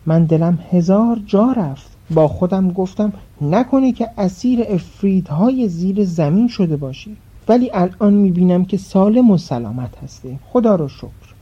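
A woman's voice: medium pitch, lively intonation, dark tone, breathy edge. A woman voicing a worried, fatherly old male tailor, on a dull lo-fi recording. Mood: concerned. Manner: fretful, fatherly.

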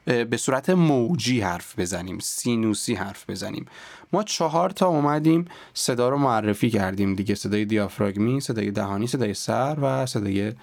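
A man teaching a podcast lesson on voice and speech, explaining calmly and sometimes dropping to a near-whisper to demonstrate. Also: mid-range voice, no echo. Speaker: voice and speech coach.

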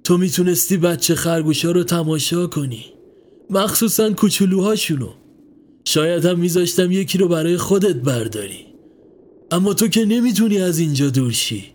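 A man voicing a kindly older man who keeps a basket of rabbits, asking slow, teasing, coaxing questions. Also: high-pitched, expressive, a little mellow.

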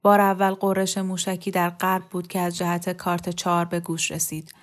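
A woman narrating a novel aloud in a calm, measured reading style. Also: fairly low pitch. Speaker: audiobook narrator. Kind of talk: scripted narration.

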